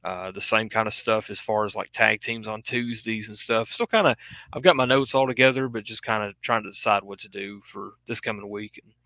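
A man's voice: fairly low pitch, brisk, sharp tone, no echo, poor audio. A man guesting on a casual wrestling podcast over a video call, thinking aloud with loose hesitation. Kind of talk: casual chat.

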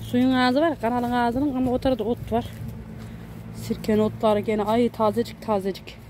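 A woman's voice: fairly high pitch, little pitch movement, moderate pace, noisy background. Chatty woman giving a garden tour. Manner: chatty, addressing viewers and her small daughter while walking. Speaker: vlogger and mother. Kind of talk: casual garden tour vlog. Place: outdoor home garden in the countryside near a mountain. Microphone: handheld camera.

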